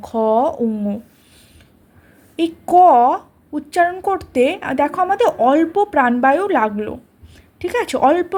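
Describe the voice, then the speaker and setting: High-voiced woman teaching grammar. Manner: patient, repeats letters slowly, asks "ঠিক আছে?". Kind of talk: explaining a lesson to students.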